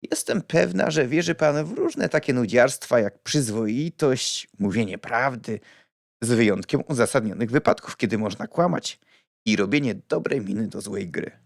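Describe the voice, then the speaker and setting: A man reading an audiobook and voicing a lively, blunt young woman with a playful, outspoken manner. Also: medium pitch, normal speed, creaky, no room sound, studio quality.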